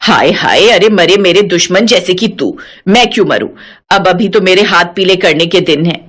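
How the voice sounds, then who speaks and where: A woman putting on a sixty-year-old widowed mother-in-law from an animated storybook, her voice dropped low and heavy. She scolds and scoffs in a sharp-tongued, scornful way. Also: moderate pace, slightly rough. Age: 60s.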